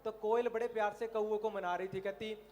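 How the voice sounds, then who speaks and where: High-voiced man doing stand-up. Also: fairly quick, noisy background. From Himachal Pradesh, India. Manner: animated storytelling, puts on animal and cartoon voices. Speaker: stand-up comedian. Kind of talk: stand-up comedy at a college fair. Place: outdoor festival stage.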